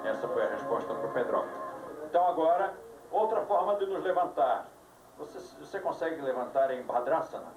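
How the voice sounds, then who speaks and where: A man's voice: fairly high pitch, lively intonation, a little fast. Man teaching yoga on an old VHS tape. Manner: didactic, giving commands with dry jokes. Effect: old VHS tape recording. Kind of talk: live class instruction. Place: yoga class room. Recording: echoey room, voice from far off, music behind, old VHS tape.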